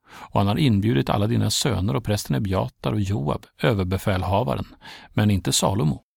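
A man's voice: mid-range voice, creaky, darkish tone, husky, dry recording, clean studio sound. A man voicing Batseba, a royal mother pleading earnestly with the king, in a storybook reading.

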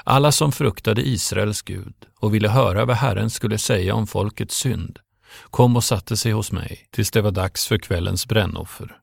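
A man giving a scripted Bible reading in a measured, even pace. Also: on the low side, creaky, dry recording, clean studio sound. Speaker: scripture reader.

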